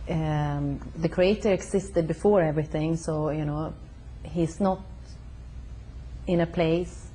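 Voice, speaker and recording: Young Swedish-born woman, low, warm voice, halting with fillers, faint hiss. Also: steady tone, poor audio. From Sweden. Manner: hesitant, many fillers and pauses. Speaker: interviewee. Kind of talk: casual conversation. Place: her home.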